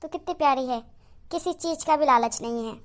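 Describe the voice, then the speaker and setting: A woman voicing a doting old village mother-in-law in a cartoon moral story, speaking slowly in a thin voice. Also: high voice, close to an everyday voice. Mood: scolding.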